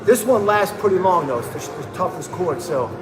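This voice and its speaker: Lively intonation marks this man's high voice as he speaks at a moderate pace. Hosting a laid-back livestream, he's hyped and full of slang, greeting viewers with "bro" and "man" over music in an echoey room.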